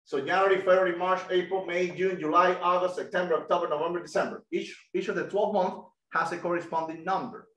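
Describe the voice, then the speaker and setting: Energetic Cuban-accented man teaching online. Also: high-pitched, fast talker, hardly any pauses, echoey room, low-quality recording. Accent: Cuban Spanish. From Cuba. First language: Spanish. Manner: energetic, asks students questions. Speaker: guest lecturer. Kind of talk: online math lesson.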